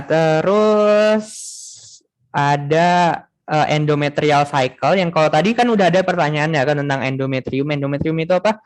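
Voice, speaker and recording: A young man tutoring a class online in a casual way, thinking aloud with many fillers and restarts. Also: on the high side.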